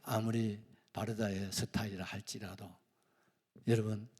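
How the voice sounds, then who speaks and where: A male pastor with a Gyeongsang accent preaching a sermon, jumping from loud questions to hushed whispers. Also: lowish voice, level tone, measured pace, slightly rough, long reverb tail. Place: church sanctuary.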